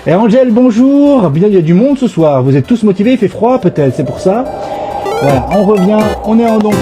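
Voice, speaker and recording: A man with a stuffy cold hosts a casual live gaming stream, talking playfully and nostalgically. His voice sits high for a man but is mellow and soft-edged. Faint music plays behind him. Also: expressive, fairly quick. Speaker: host.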